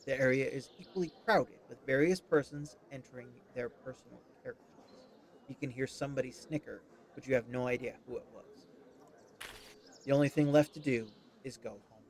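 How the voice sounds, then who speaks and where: A man streaming himself as he reads a story game aloud, expressive but with small slips. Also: medium pitch, moderate pace. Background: game music.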